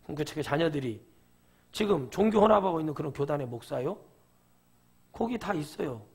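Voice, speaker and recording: A middle-aged man preaching a sermon in a church sanctuary, his voice pitched high and rough with gravel. He talks in a conversational way and keeps asking the congregation questions. His tone is husky rather than clean. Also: lively intonation, fairly quick. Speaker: pastor.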